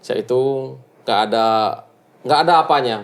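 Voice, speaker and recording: A man, recounting his story in a casual interview, halting and full of restarts. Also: mid-range voice. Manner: halting, full of restarts, acts out quoted speech.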